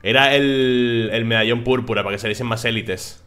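A young man from Spain with a Spanish accent, commentating a game casually, excitable and swearing freely. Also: mid-range voice, normal speed, soft background music. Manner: excitable, swears freely, talks to his viewers. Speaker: gaming video host.

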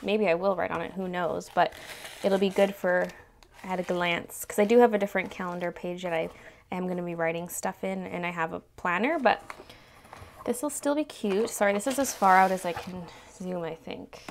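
A woman's voice: on the low side, steady tone, normal speed, slight background noise. A young adult woman chatting casually through an unboxing, gushing and exclaiming over cute things. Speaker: unboxing video host. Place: indoors, tabletop product shoot, speaker off camera.

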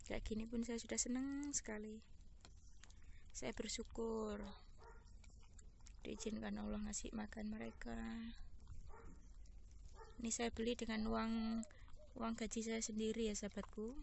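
A woman's voice: fairly high pitch, flat delivery, normal speed, creaky, long pauses, darkish tone. A woman making a casual vlog while she feeds stray cats, chatting to viewers and cooing at the cats in baby talk. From Indonesia. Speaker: vlogger feeding stray cats. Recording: faint background noise.

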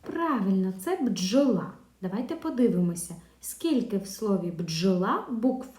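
A woman teaching a video lesson to young pupils, speaking clearly with pauses for answers and a sing-song teacher manner. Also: mid-range voice, animated, darkish tone. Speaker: primary school teacher. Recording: echoey room.

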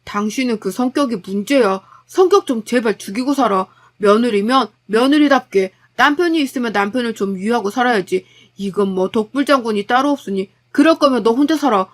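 A woman's voice: fairly high pitch, brisk, hardly any pauses, close to an everyday voice. A woman voicing a blunt, irritable young husband who talks in an exasperated, reproachful way.

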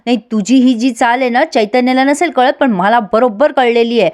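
A woman's voice: a little high, moderate pace, a little mellow, close to an everyday voice. A woman voicing an angry young man who heatedly accuses and scolds his friend. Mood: heated accusing.

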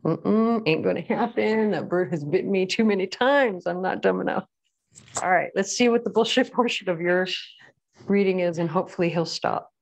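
A woman's voice: lowish voice, brisk. A woman giving a casual pick-a-card tarot reading at home, chatty and rambling, with frequent apologetic asides. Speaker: tarot reader. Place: at home with a pet bird.

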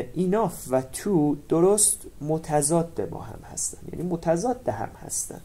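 Persian-accented guy teaching english grammar, voice jumps up and down a lot, kinda dark mellow tone, repeats words slow. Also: mid-range voice. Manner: animated, stresses and repeats English words for pronunciation. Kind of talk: online grammar lesson.

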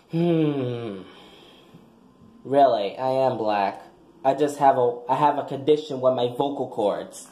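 A man's voice: a little high, a little mellow. A man doing a brash foul-mouthed young woman. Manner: crude, combative, trash-talking. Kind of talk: comic speech skit. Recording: echoey room.

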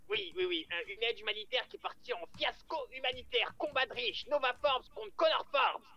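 A man plays a gleeful gossip who lives in the sewers, rattling off news in a high, bright, gravelly voice. He talks fast and is thrilled by every scandal. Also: heavily acted. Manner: excited, gleeful storyteller. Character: cheerful gossiping male sewer informant. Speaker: roleplay game player on a phone call.

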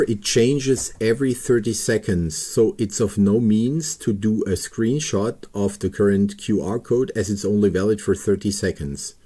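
Man slowly talking through a website. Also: fairly low pitch, mellow, slightly rough. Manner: slow, careful, step-by-step with pauses and fillers. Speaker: paragliding pilot explaining a registration website. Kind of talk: screen-recorded tutorial narration.

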